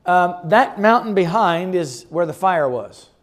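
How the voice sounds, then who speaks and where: A man giving a chatty, relaxed presentation about a health retreat to a church group, showing slides and chuckling often. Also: sits high, a little slow. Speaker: guest speaker presenting a health retreat ministry. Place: church meeting room.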